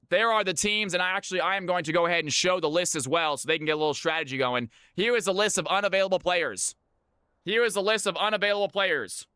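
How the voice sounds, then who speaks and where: A man's voice: high voice, sharp tone, clean tone, no room sound, clean studio sound. A man hosting a livestream of community games, chatting informally with viewers and often repeating his phrases. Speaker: livestream host running community custom games. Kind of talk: livestream chat and game-lobby announcing.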